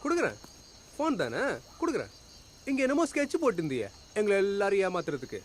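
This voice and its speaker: A brash young man in a dubbed film, with a sarcastic edge to how he talks. His voice is fairly high and swings up and down. Clear background noise runs through the scene. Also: huge pitch swings, fast. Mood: taunting.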